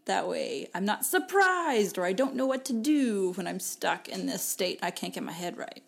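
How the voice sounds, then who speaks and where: A woman's voice: medium pitch, animated, normal speed, creaky. A woman co-hosting a podcast, giving earnest, encouraging advice in a casual chat. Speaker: podcast co-host. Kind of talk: casual faith-based self-help chat.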